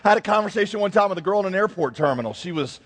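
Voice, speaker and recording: A man preaching a sermon as pastor, telling stories and acting out voices in an animated way. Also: high voice, racing, slight background noise. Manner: animated storytelling with acted-out voices. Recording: echoey hall.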